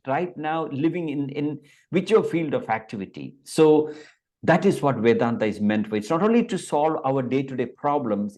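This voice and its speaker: A man in his fifties from India talks as a Vedanta teacher in an interview over a video call. He speaks hesitantly, with many fillers and restarts, in a voice of middle pitch. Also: darkish tone.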